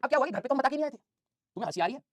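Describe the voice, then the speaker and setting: A man's voice: very high voice, lively intonation, racing, no echo, lo-fi sound. A male teacher, telling his students a funny story about himself in a chatty, self-mocking way.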